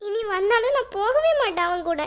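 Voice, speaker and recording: Tearful young wife Shanmu. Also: female voice, very high voice, lively intonation, a little fast. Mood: heartbroken. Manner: sobbing, self-pitying lament.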